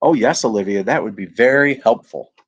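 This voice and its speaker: Patient storybook mother, soft coaxing voice, as a man reads her. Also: mid-range voice, brisk, breathy edge, highs cut off, lightly acted. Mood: gentle.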